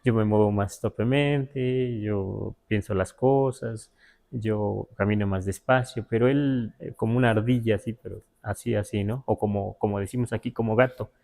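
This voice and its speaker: A man with a Mexican Spanish accent teaching a language class, halting with many fillers and spelling words out syllable by syllable. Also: on the low side, steady tone, gravelly, darkish tone. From Huasteca, Mexico. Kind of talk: live class explanation.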